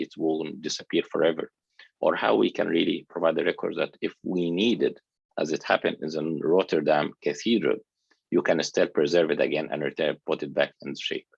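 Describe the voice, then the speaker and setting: A man from Egypt, an architecture researcher, giving a conference lecture in an earnest, halting way with frequent restarts. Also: deep voice, vocal fry, slightly rough, no room sound, muffled recording.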